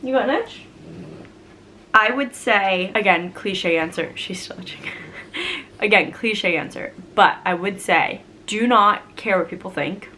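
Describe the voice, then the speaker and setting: A woman's voice: medium pitch, measured pace, pushed and bright, slight background noise. A young woman vlogger in a casual chat answering viewer questions, rambling and chatty with frequent laughs.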